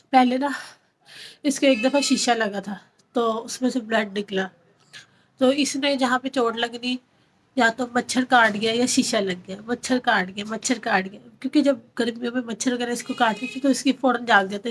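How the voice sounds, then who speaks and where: A woman giving earnest, casual advice to other parents, repeating phrases and using frequent fillers. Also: fairly high pitch. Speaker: parent vlogger.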